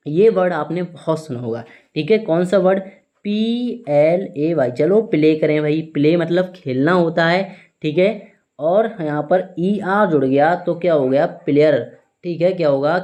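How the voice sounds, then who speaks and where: A male teacher giving an English vocabulary lesson in Hindi. He asks a question, answers it himself, and spells each word out slowly one letter at a time, with "theek hai" in nearly every sentence. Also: fairly high pitch, a little mellow. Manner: repeats "ठीक है" often.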